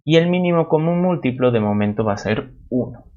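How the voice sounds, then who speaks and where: A man's voice: medium pitch, lively intonation, fairly quick, narrow, tinny audio. A man teaching a programming class, explaining step by step as he types code, often checking in with a questioning "no?". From Bolivia. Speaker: teaching assistant. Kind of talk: live-coding programming lesson.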